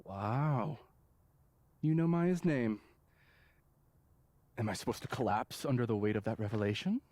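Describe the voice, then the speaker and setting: A man's voice: mid-range voice, measured pace, darkish tone, dry recording, close to an everyday voice. An actor playing a flirty, theatrical male university office assistant in a video game, teasing and sarcastic.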